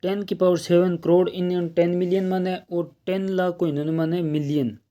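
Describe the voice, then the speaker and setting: A man's voice: sits high, level tone, moderate pace, mellow. A man teaching an exam-prep math lesson, explaining step by step and checking in often.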